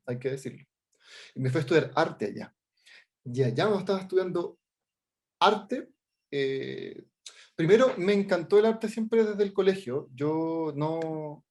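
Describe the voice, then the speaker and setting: A man's voice: a little high, a little mellow. A middle-aged man with a Chilean accent, an artist and teacher presenting his work informally over a video call, hesitant, with many fillers and frequent check-ins. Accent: Chilean Spanish. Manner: halting, many fillers and restarts, keeps checking in with "¿ya?". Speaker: artist and teacher giving a workshop talk.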